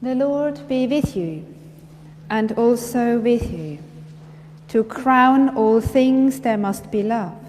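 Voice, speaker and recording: Woman priest, slow and measured liturgical delivery, long cathedral echo, faint hum under the line. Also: on the high side, expressive, a little mellow. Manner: measured, formal intoning. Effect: cathedral echo, long church reverb. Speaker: priest leading the service. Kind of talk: liturgical presiding. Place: large church. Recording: church reverb with faint hum.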